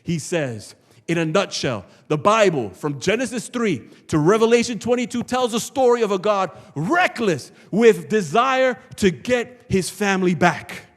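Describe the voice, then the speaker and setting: Before a congregation in a large church hall, a male pastor preaches an emphatic, rhetorical sermon, repeating phrases for effect. His high voice is animated and unhurried, carried by the sanctuary PA with long hall reverb.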